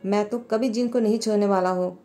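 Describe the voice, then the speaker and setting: A woman's voice: medium pitch, steady tone, brisk, dark tone, faint music behind, natural voice. A woman voicing a short-tempered young husband who grumbles and scolds. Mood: irritated. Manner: irritated, scolding.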